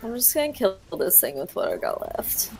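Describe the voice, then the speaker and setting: A woman's voice: medium pitch, huge pitch swings, fairly quick, creaky, darkish tone. A woman chatting casually and jokingly while playing a game with friends on a headset. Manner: playful, joking. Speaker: gamer in a group stream. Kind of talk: casual gaming chat.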